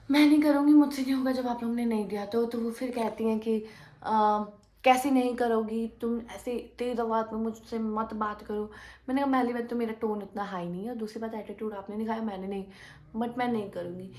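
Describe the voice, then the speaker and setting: A young woman vlogger casually recounting a story, acting out the quoted arguments as she goes. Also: medium pitch. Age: young adult. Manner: animated retelling, acts out quoted arguments. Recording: echoey room.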